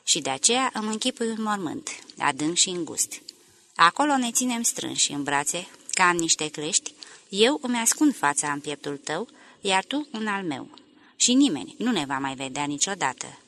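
A woman's voice: fairly low pitch, big pitch swings, a bit bright, a little hiss or hum. A woman reading the lines of an anxious, tormented young woman in an audiobook, with a pleading, emotional delivery. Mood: anguished.

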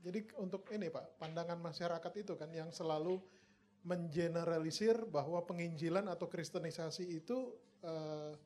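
Man, audience member asking a question, fairly high voice, hesitant with fillers. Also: normal speed, dark tone.

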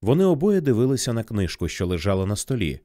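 A man narrating an audiobook in an expressive reading style. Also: lowish voice, quick pace, no room sound, studio quality. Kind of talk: scripted narration.

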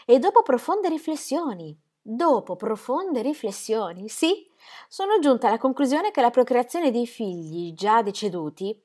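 A woman's voice: fairly high pitch, very animated, moderate pace, darkish tone, pitched above the performer's own voice. A woman reading the part of an anxious young pastor's wife who pleads and repeats herself breathlessly. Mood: pleading.

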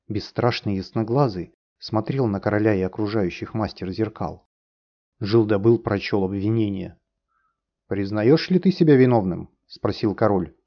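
Brief: male narrator, fairy-tale audiobook, low voice, dull lo-fi recording. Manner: theatrical, vivid reading.

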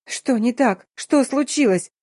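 A woman voicing a distraught young wife, crying and pleading in a high, loud voice. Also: a little slow, no echo, studio quality. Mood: tearful pleading.

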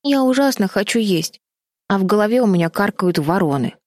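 A woman's voice: medium pitch, animated, brisk, darkish tone, no echo, pitched above the performer's own voice, close to an everyday voice. A woman voicing a hungry, frightened little girl in a storybook reading, in a small plaintive voice.

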